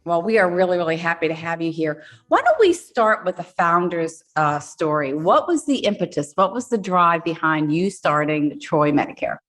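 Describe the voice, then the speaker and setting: A woman's voice: fairly low pitch, very animated, moderate pace, few pauses, fairly bright tone. A woman hosting a podcast, reading out a scripted, upbeat introduction of her guest. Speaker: podcast host. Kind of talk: podcast interview.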